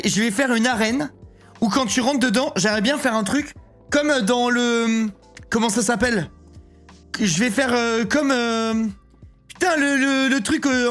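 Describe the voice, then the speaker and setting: A man in his thirties chatting casually on a live stream, excitable and rambling, often breaking into giggles. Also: very high-pitched. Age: 30s.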